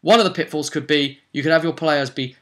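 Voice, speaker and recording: A man with a slightly high voice talks fairly quickly as host of a tabletop role-play tutorial series. His informal monologue explains the game conversationally, emphatically and with strong opinions, including rules read aloud.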